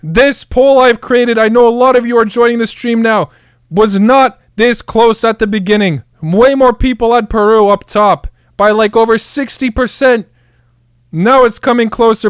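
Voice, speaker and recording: Young male streamer, excited match reaction, high smooth voice, dry. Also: moderate pace, no room sound. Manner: hyped, chants and cheers, addresses chat as guys. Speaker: football streamer reacting live.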